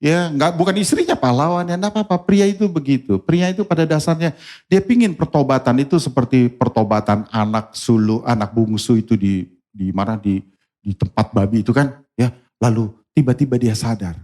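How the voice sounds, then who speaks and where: A male pastor preaching a lively sermon at a church service, asking the congregation questions and acting out the people in his stories. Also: medium pitch, normal speed.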